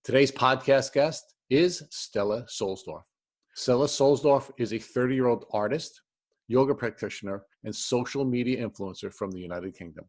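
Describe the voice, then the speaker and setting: A man hosts a podcast interview in an even, middle-pitched voice. He opens with a formal introduction of the guest that he reads out, then moves on to asking her questions. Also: normal speed. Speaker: podcast host.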